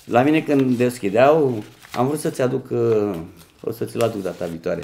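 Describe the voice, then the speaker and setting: A middle-aged man from Romania telling stories in a casual chat, animated, and acting out the voices he quotes. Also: medium pitch, creaky, a little hiss or hum. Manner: animated, acts out quoted voices and switches languages.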